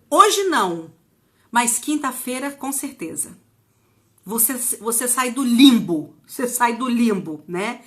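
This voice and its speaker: Bright, emphatic woman speaker. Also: a little high. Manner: emphatic, acts out quotes with strong intonation. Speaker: motivational speaker. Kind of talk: motivational talk to an audience.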